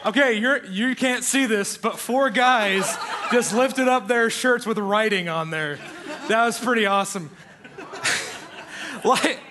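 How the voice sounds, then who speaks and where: A man's voice: sits high, takes it slowly, a crowd in the background, noisy background. A young man from Iowa, a church resident, introducing himself to a congregation with playful, self-deprecating humor and frequent laughs. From Iowa, USA. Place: church stage before a congregation.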